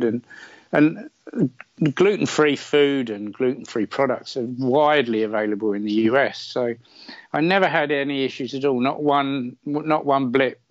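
A middle-aged man, rambling through a story in a casual, chatty way. His voice sits at an ordinary mid pitch and sounds dry and a bit dull, like remote call audio with the high end trimmed. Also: no room sound. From England. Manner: chatty, many fillers, self-deprecating humor. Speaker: podcast guest.

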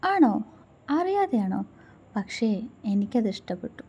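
A playful young husband with a sly, coaxing way of talking, as a woman storyteller puts him on. His voice is mellow and warm and stays close and soft as he teases, in a romantic audio story. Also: a little high, sing-song, unhurried, breathy edge, full character voice. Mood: teasing.

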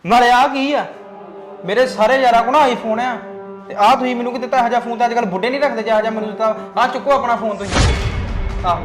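A spoiled teenage son who whines and demands at a quick clip, played by a man. His voice sits high for a man. The skit is recorded in an echoey room with faint music underneath. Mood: petulant. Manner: whiny, demanding, fast-talking. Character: spoiled younger son, late teens, sulky. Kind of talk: home-made family skit acting.

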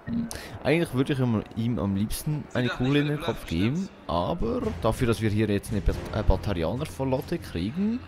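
A man's voice: medium pitch, big pitch swings, normal speed, noisy background. A man hosting a let's play, thinking aloud in colloquial, casual game commentary.

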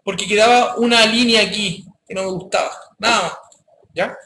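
A man's voice: high-pitched, normal speed, pushed and bright. A man teaching a live programming class, talking casually and checking in with his students often. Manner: casual, addresses students directly with frequent checks. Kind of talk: live classroom coding lesson. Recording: echoey classroom with faint noise.

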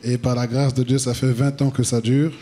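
A man in his forties from the Republic of the Congo, preaching in a church hall on a handheld mic and pausing in short phrases for his interpreter. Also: mid-range voice, level tone, dark tone, slight background noise. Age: 40s. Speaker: apostle, guest preacher. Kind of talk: sermon with interpreter.

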